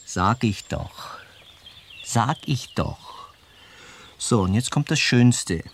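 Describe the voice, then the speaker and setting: A man's voice: mid-range voice, expressive, takes it slowly, a little hiss or hum. An actor playing a bossy, coaxing male ringleader of asylum inmates in a radio drama, talking in a cajoling, theatrical way.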